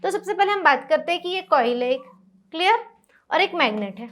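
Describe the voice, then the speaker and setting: Woman, high pitch, science teacher, step-by-step lecture, checking questions. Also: animated, a little fast, fairly bright tone. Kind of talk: classroom lecture on a whiteboard.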